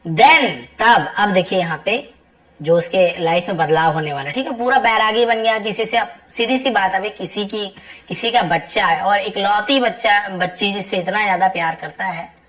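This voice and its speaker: A woman English tutor explaining a passage word by word, reading each English phrase slowly and then going over it patiently and repetitively. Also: medium pitch, a bit bright, low-quality recording. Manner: patient, repetitive teacher talk with frequent checks like "ठीक है".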